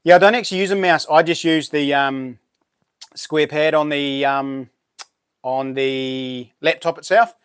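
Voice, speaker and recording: A man's voice: fairly high pitch, measured pace, clean tone, dry recording, clean studio sound. A man with a broad New Zealand Kiwi accent hosting a casual live stream, chatting to viewers in laid-back, matey slang.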